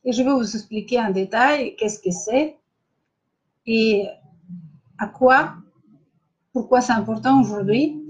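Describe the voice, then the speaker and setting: A middle-aged Russian woman with a Russian accent hosting a live-streamed masterclass, speaking French hesitantly with many filler pauses and greeting viewers by name. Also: on the high side, lo-fi sound. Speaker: online masterclass host.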